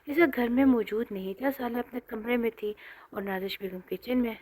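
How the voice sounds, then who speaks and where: A woman narrating a romantic novel in steady scripted storytelling. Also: on the high side, slight background noise.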